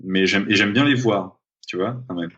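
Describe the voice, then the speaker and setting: A young man from Paris with a deep, husky voice talks hesitantly in a relaxed interview, circling back over his words and filling pauses. The sound is dull and lo-fi, like a remote call. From Paris, France. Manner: hesitant, many fillers and restarts. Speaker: guest, freediving champion. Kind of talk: casual interview talk.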